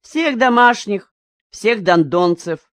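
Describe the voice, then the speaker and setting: A woman's voice: low voice, measured pace, no room sound, clean studio sound. A woman voicing a stern scolding village wife. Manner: curt, scolding. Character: stern rural wife, reproachful.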